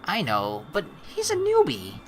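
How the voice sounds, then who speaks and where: This woman's voice sits on the low side, her pitch swooping wildly as she talks a little slowly. She's hosting a let's play, reading the game's text out and offering rambling commentary with offhand swearing. Music from the game runs in the background.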